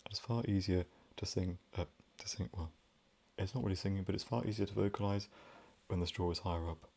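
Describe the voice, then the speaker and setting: A man in soft-spoken, whispered role-play, rambling gently and drifting between a whisper and a low voice. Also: steady tone, fairly quick, creaky, background noise. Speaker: ASMR creator.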